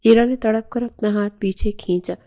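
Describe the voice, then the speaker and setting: A woman narrates a romantic novel as a bedtime story. Her voice is mellow and warm, and she reads at a steady, even storytelling pace. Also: on the high side. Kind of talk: novel reading.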